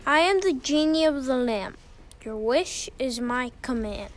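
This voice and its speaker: A woman's voice: high voice, expressive, unhurried, a little hiss or hum. A woman reading aloud and voicing a large, grudging male genie of the lamp in a storybook.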